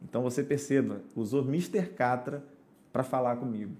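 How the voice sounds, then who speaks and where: On a podcast, a man who is a pastor shares his conversion testimony with earnest, preacher-like delivery. His mid-range voice is warm and unhurried.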